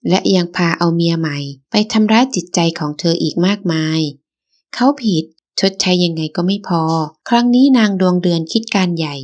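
A woman reads a novel aloud as an audiobook narrator. Her voice sits a little low and stays calm and even. She reads steadily through the scene. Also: moderate pace.

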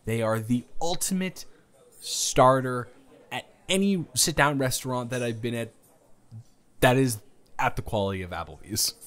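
A young audio roleplay performer improvises a first-person date scene, teasing and rambling with frequent restarts. His voice is fairly low and a bit bright, recorded close on a home studio mic.

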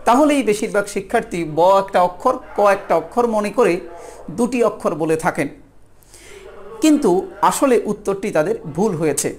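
A woman's voice: medium pitch, a little mellow. A woman from Bangladesh, teaching an exam-prep lesson in a patient, methodical way and sounding words out syllable by syllable. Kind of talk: recorded video lesson.

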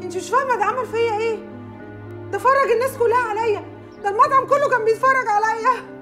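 An actress playing a jealous, quick-tempered young newlywed, speaking with an Egyptian accent, fast and accusing. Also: female voice, high-pitched, animated. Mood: tearful outrage. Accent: Egyptian Arabic. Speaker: jealous new bride. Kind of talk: Egyptian film acting. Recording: film audio with music behind.

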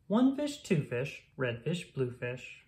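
A woman reading a rhyming children's picture book aloud in an expressive, singsong storytelling style. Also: rumbling low, slow, a little hiss or hum.

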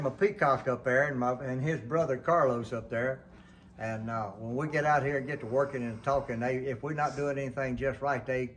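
Filmed on a handheld camera in an open barn workshop, an older man with a medium-pitched, fairly bright voice hosts a sawmill sharpening show, with slight background noise. His casual how-to demonstration is folksy and meandering, and he often backs up to correct himself.

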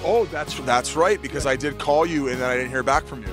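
A man's voice: medium pitch, a little fast, music in the background. A man in his thirties hosting a casual street interview outdoors with a handheld mic, full of teasing, joking banter. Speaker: host.

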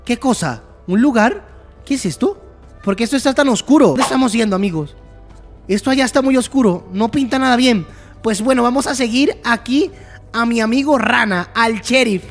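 A gameplay channel host who gives excited commentary, exclaims and jokes at the game, and reads the on-screen text aloud. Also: mid-range voice, normal speed, faint music behind.

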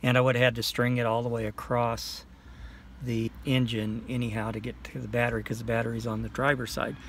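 A middle-aged man with a mid-range, fairly bright voice and flat delivery vlogs a casual walkthrough of a car radio install, plain, unhurried, and speaking with fillers at each step. He films on a phone camera held close, both in a small car and outdoors beside it in a tree-lined lot. A little hiss or hum is audible.

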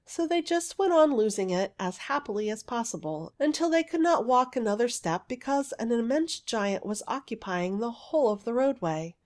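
A woman narrating a fairy story in a gentle, even storytelling manner. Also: a little high, moderate pace, hardly any pauses. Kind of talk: audiobook fairy story reading.

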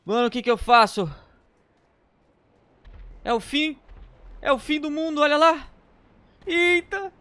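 A man's voice: very high-pitched, expressive, measured pace, long pauses, pushed and bright, dry recording. A man giving panicky, exclamatory gameplay commentary, often repeating words. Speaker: gameplay streamer.

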